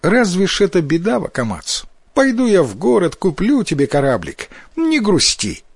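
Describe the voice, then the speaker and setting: A man voicing a kind, caring young sister in a fairy tale, speaking in a gentle, soothing way. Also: high-pitched, huge pitch swings, normal speed, vocal fry, breathy edge, dry recording, voice pushed up, exaggerated voice. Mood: comforting.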